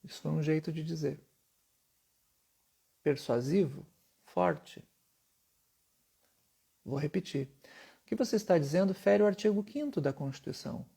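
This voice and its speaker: A man's voice: a little high, expressive, measured pace, gravelly, long pauses, dark tone, breathy edge. A man teaching public speaking in a live-streamed lesson, emphatic, often putting questions to his viewers.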